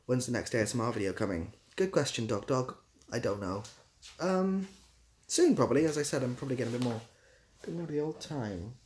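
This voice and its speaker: A man with a mid-range, darkish voice speaks briskly in a sing-song way. He's an ASMR creator and theatre assistant producer hosting a casual livestream, rambling through viewer comments and searching for his words.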